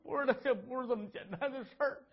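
A man's voice: extremely high pitch, fast talker, pitched above the performer's own voice. A male storyteller voicing a grieving, ashamed young wife who pleads tearfully and breaks off mid-sentence. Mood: distraught. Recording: dull lo-fi recording.

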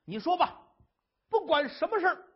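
A doting scholar husband, voiced by a male storyteller coaxes and blusters in a high, swooping, husky voice. He boasts of himself to calm his wife. The recording is dull and lo-fi. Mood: coaxing. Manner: coaxing, blustering, quick-talking.

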